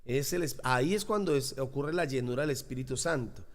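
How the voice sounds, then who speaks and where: A man's voice: medium pitch, a little fast. A man preaching a sermon as pastor, emphatic and repeating key phrases.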